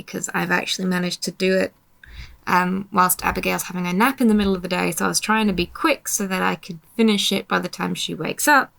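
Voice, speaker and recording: Yawning and weary, a young woman talks casually over footage of her painting, muttering self-deprecating complaints at herself. She speaks with a fairly low pitch, vocal fry, and a fairly bright tone.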